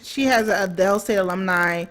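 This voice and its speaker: A woman in her late twenties co-hosting a casual podcast, telling stories in a relaxed way with dry asides. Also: medium pitch, moderate pace. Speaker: podcast co-host. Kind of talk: casual chat.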